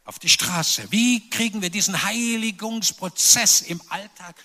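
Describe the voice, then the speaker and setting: A man preaching a sermon, animated and emphatic, with playful asides to the congregation. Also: high voice, measured pace. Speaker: pastor. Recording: long reverb of a large hall.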